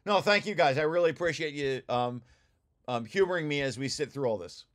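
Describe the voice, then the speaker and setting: Leading a study group through a research paper, this man explains things informally over shared slides. His voice sits high and a bit bright, animated and slightly quick, and he often restarts and repeats himself.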